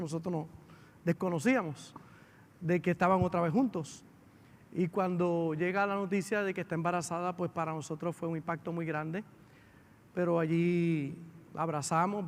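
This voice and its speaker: A man, a pastor telling a family story in a sermon, with emotion that builds as he goes. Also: fairly high pitch. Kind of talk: sermon testimony. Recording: long hall reverb.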